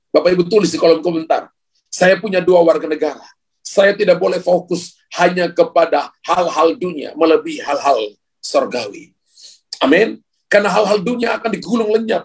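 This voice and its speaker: Pastor guy preaching, high voice, kinda breathy, really leans into every point. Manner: emphatic preaching, addresses the congregation directly. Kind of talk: sermon.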